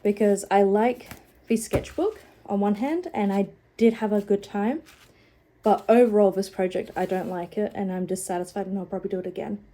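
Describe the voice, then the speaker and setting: A woman's voice: mid-range voice, moderate pace, warm tone. A young woman with a cold, nasal and sniffling, chatting casually and rambling about her sketchbook into a phone at home. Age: young adult. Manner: rambling, many "like"s, self-deprecating. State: sniffling, a bit out of breath. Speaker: art vlogger. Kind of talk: casual chat.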